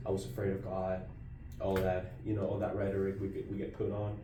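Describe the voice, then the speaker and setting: A man's voice: sits low, completely flat delivery, brisk, distant mic, noisy background. A man from Colombia in a casual discussion, speaking earnestly and often restarting his words. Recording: roomy audio from off-mic.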